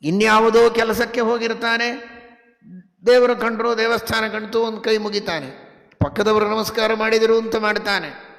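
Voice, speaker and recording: A man with a North Karnataka Kannada accent giving a devotional sermon, chanting Sanskrit verses slowly and moving between loud emphatic stresses and quiet asides. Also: high voice, fairly even intonation, gravelly. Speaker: religious teacher giving a discourse. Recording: long hall reverb.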